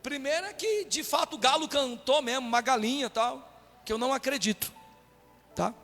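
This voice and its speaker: A man from Brazil, a pastor preaching a sermon with animated delivery, acting out quotes in a raised voice. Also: very high voice, brisk. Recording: long hall reverb with faint music.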